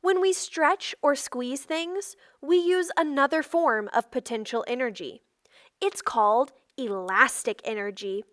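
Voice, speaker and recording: A woman reads educational non-fiction aloud for children in a fairly high, slightly bright voice. She speaks slowly and instructionally in short, separate phrases, and the recording is dry and close.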